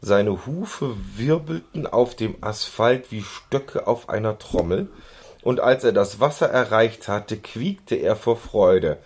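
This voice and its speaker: A man reading a children's story aloud in an expressive, playful way. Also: fairly low pitch. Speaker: narrator. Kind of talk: audiobook reading.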